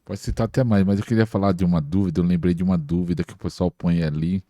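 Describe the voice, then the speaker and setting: A man with a Brazilian accent, a pastor hosting a podcast who calmly asks his guest questions. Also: low-pitched, quick pace, no echo, clean studio sound. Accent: Brazilian Portuguese. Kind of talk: podcast conversation.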